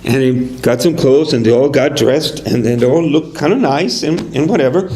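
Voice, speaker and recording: A male pastor telling a parable at a fundraiser, in a halting style with many fillers. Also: medium pitch, warm tone. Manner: halting, filler-heavy storytelling. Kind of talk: sermon storytelling. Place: fundraiser event hall. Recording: echoey hall, faint noise.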